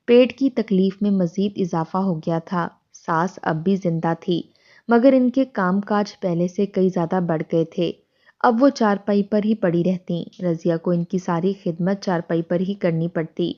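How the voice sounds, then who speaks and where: A woman storyteller with a low voice reads a dramatic story in a steady, scripted way. The recording is dull and lo-fi.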